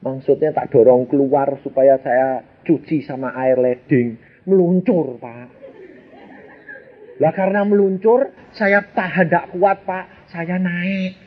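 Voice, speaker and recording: A man's voice: on the high side, slow, lo-fi sound. An older man with a Javanese accent voicing a sheepish village household helper who explains an accident.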